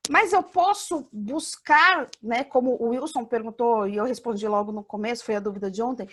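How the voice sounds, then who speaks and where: A Brazilian woman with a fairly high voice leads an online Bible course. She explains each point step by step. She often raises a student's question and then answers it herself. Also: normal speed, a bit bright. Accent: Brazilian Portuguese. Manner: explanatory, asks and answers her own questions. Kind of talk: online class lecture.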